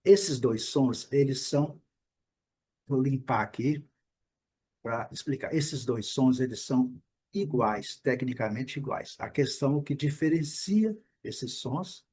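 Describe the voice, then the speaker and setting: A man teaching English pronunciation in Portuguese, patiently repeating each word slowly and correcting himself as he goes. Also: medium pitch, darkish tone, slightly rough. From Brazil. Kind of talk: explaining pronunciation with repeated examples.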